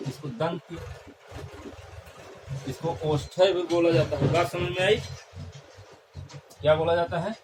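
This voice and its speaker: A man's voice: on the high side, steady tone, a little slow, pauses often, noisy background. A young man teaching a Hindi grammar lesson, repeating key terms and checking in with his class.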